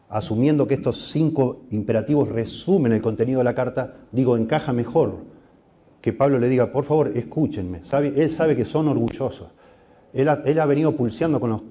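A middle-aged man with a Rioplatense Spanish accent preaching a sermon, earnest and pleading, his voice rising for emphasis. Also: warm tone. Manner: earnest, pleading, rises in pitch and volume for emphasis. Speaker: pastor.

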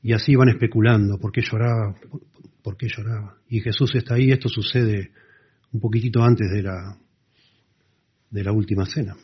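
A man preaching a sermon, explaining scripture earnestly and dropping to soft emphasis. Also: on the low side, fairly even intonation, normal speed, pauses often, breathy edge. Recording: dull lo-fi sound.

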